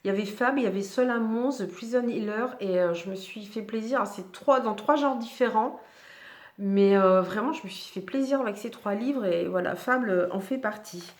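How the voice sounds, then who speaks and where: A woman's voice: mid-range voice, moderate pace. A woman chatting casually about books she has read, hesitating often with fillers and restarts. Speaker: book vlogger. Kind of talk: casual book review chat. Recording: echoey room.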